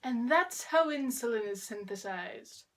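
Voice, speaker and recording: A teenage girl talks through a school biology assignment in a casual, deadpan way, with sarcastic asides. Her voice sits slightly high. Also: a little slow, background noise. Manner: wry, deadpan humor. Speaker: student making a class video. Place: kneeling on the ground drawing with chalk.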